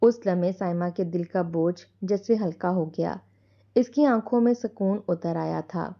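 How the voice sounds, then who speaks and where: A woman narrating a scripted dramatic story in a steady, even reading voice. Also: lowish voice, gravelly, highs cut off.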